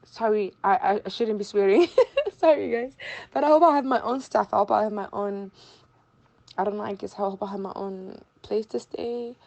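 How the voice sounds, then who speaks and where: A woman's voice: mid-range voice, moderate pace, creaky, darkish tone, lo-fi sound. A woman in her twenties from Zimbabwe, a social work student chatting as an interview guest, bubbly, laughing often and repeating herself. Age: 20s. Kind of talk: casual interview chat.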